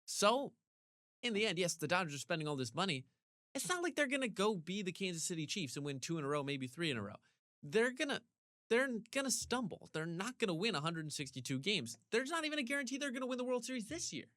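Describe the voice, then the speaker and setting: Animated, slightly hoarse male podcast host. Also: fast, no room sound, clean studio sound. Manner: animated, ranting with big pitch jumps. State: voice getting hoarse. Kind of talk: casual sports talk.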